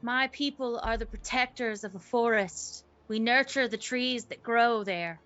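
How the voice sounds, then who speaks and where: A woman role-plays a solemn forest guardian in a tabletop game. The voice is high and bright, with slow, formal phrasing, over soft music. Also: lo-fi sound. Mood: earnest, measured. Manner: formal, measured oath-like phrases. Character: solemn, earnest forest protector pleading for peace.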